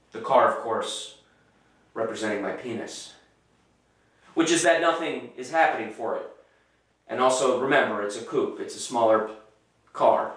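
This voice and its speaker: Male comic, twenties, higher-pitched voice, theatrical storyteller with dramatic pauses, very echoey sound. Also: a bit bright. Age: 20s. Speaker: stand-up comedian. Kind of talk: stand-up comedy storytelling. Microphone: handheld microphone. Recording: very echoey, somewhat distant sound.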